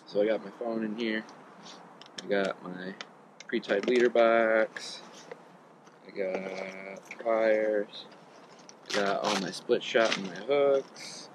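A man in his thirties chats through a gear review outdoors, relaxed and rambling with plenty of ums. His voice sits a little low. The camera stands a few meters away, with clear outdoor noise behind him. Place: outdoors on a riverbank. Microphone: camera on tripod a few meters away.

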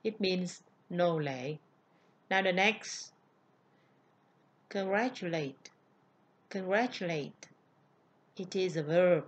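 A woman's voice: lowish voice, expressive, extremely slow, pauses often. A woman English teacher with a Vietnamese accent, whose native language is Vietnamese, giving an online vocabulary lesson and carefully repeating each word as a model.

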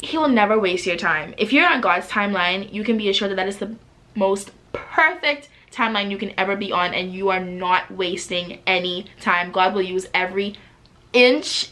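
A young woman from the Bahamas, vlogging to camera from her bedroom in a casual, animated way. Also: mid-range voice. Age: young adult. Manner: animated, expressive, gestures a lot while talking. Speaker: vlogger and singer-songwriter. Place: bedroom with desk and shelves, indoors.

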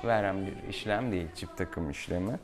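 Over music, a young man with a deep voice talks at a moderate pace, a veterinarian playfully coaxing a pet and chatting as he works. It's a small tiled exam room, recorded noisily by a camera mic a few steps away.

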